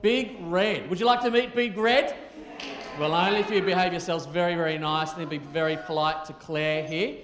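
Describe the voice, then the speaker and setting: A man's voice: a little high, fairly even intonation, moderate pace, roomy sound. A man leading a church service and introducing a puppet troupe to the children. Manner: friendly, upbeat compère.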